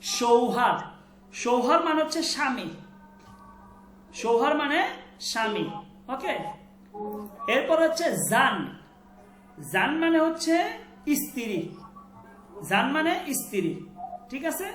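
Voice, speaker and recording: A woman teaching a Persian class who says each word again and again slowly and keeps quizzing her students. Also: high voice, animated, fairly bright tone, echoey room, faint music behind. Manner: drills words by repeating them slowly, quizzes students. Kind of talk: online class lesson.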